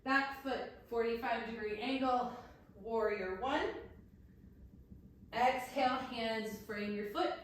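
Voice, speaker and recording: A woman's voice: on the high side, slow, long pauses, a little hiss or hum. A woman teaching yoga as she moves through it, giving short cues timed to her breath and a little out of breath. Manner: short breath-paced cues, laughs at herself. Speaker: yoga instructor. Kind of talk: cueing a yoga flow while doing it. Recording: very echoey room.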